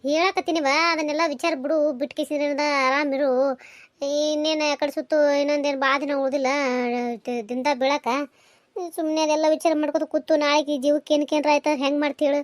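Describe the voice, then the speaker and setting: A woman doing a fussing village mother, high and fast. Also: little pitch movement, no echo, lightly acted. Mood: coaxing. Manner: coaxing, nagging, talks over and over. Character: fussing village mother, older, caring and scolding. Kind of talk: cartoon voice acting.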